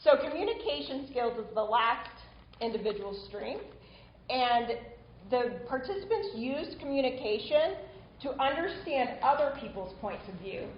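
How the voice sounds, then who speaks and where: A woman's voice: high voice, lively intonation, moderate pace, lo-fi sound, a little hiss or hum. Conversational woman lecturing in a roomy space. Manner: conversational, with frequent asides. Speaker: instructor. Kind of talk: recorded online lecture.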